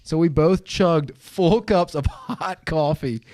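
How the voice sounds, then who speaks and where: A man hosting a podcast in a studio, telling stories in a lively, laughing way. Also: fairly high pitch, slow, no echo. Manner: animated storyteller, laughs while telling. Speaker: podcast host. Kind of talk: casual podcast chat.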